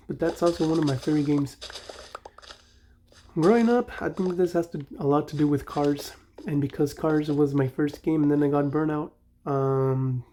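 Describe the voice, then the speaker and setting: Against slight background noise, a young man with a Mexican accent speaks in a fairly high, dark voice. He's a gaming channel host, reminiscing casually during gameplay, wandering off topic and correcting himself partway through sentences.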